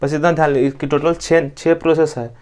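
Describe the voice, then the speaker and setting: Speaking slightly high and a bit quickly, in a steady, darkish tone, a young man from India delivers a science lecture to a class. He repeats each important term and asks questions that he then answers on his own.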